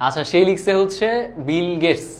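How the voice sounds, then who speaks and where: Brisk and high-voiced, this young man teaches a class live online. He chats casually, voices the viewers' comments aloud, and regularly checks in with "do you understand?"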